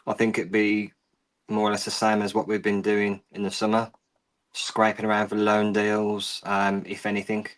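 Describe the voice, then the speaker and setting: A man's voice: fairly low pitch, completely flat delivery, normal speed. A man on a football podcast who gives his views in a firm, matter-of-fact way. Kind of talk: casual football podcast chat.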